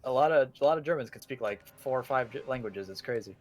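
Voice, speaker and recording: A man's voice: medium pitch, fast talker. A man narrating a tabletop horror game as game master, casual with lots of fillers and chuckles.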